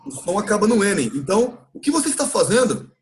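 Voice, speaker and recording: In this live online class recap, an English teacher with a Brazilian Portuguese accent leads the lesson. His voice is notably high with big swings in pitch, and he patiently stretches words out slowly so learners can imitate how they sound.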